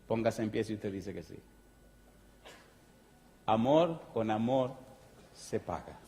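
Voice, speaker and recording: A man preaching a sermon with emphatic calls to the congregation. He reads scripture slowly and deliberately. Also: lowish voice, expressive, warm tone, long reverb tail. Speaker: pastor.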